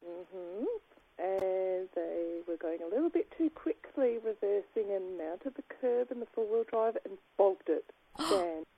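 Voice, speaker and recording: A woman calls in anonymously and keeps her voice to a breathy whisper. She comes through a thin phone line. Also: mid-range voice, expressive, a little slow. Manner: hushed, whispering. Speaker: anonymous caller.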